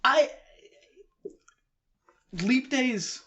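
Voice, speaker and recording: A young man co-hosting a casual podcast, animated and quick to argue, often laughing. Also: very high voice. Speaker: podcast co-host. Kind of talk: casual chat. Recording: dull lo-fi sound.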